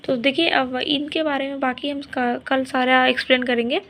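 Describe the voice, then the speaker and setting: A woman teacher explaining grammar step by step for an exam-prep lesson, often pausing to check in with her listeners. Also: high voice, flat delivery, fairly bright tone.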